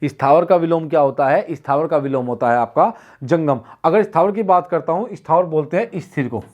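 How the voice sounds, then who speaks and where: In an online exam-prep class on Hindi grammar, a male Hindi teacher with a voice slightly higher than most men's repeatedly asks a question, answers it himself, and says the answer again. He sounds steady, patient and drill-like. The audio is brisk and dull.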